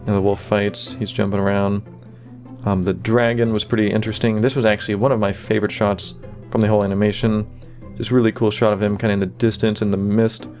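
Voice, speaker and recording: A man giving casual behind-the-scenes commentary on his own animation, relaxed and full of fillers like "you know" and "kinda". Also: lowish voice, fast talker, faint music behind.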